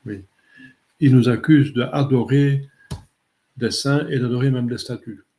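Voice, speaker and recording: A man, a priest giving a catechism talk and answering questions in a halting way with many fillers. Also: mid-range voice, dark tone.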